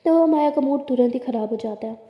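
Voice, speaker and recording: A woman's voice: sits high, a little fast, reverberant, long reverb tail, dull audio. A woman narrating a love story in a plain, conversational way.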